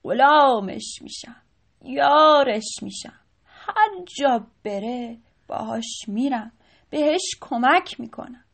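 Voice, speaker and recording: A woman voicing a humble, loyal man with huge ears in a storybook tale, speaking slowly and modestly. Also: high-pitched, expressive.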